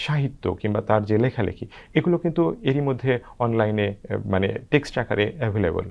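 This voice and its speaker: A man talks quickly as a guest researcher, breaking up his points with frequent hesitant filler sounds. His voice has a gravelly fry. The recording sounds dull and lo-fi. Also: medium pitch. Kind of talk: discussing language research on TV.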